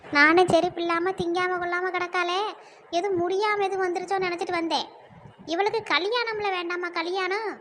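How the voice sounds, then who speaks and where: A woman's voice: very high-pitched, steady tone, a little fast, a bit bright, a little hiss or hum. A woman voicing a stern, scolding village mother in a cartoon who nags and threatens her daughter. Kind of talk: cartoon dub acting.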